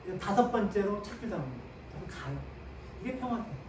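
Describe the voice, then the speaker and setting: A man with a fairly high voice lectures on history, quizzing his audience with questions and then answering them himself. He is picked up from a distance in an echoey lecture room, with faint ambient noise behind him. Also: very animated, fast talker, darkish tone. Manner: sprinkles short "네" affirmations while explaining.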